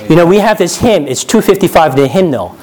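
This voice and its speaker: On a low-quality recording, a New York preacher with a slightly high, darkish voice moves briskly through a conversational sermon. His intonation is lively, he laughs at his own tales, and he keeps asking "right?" to check in.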